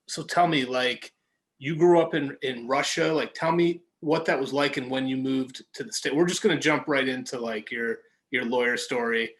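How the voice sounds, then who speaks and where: A male podcast host interviewing a guest in a loose, conversational way. He reacts with eager encouragement, at a middling pitch. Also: fairly bright tone. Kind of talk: casual interview chat.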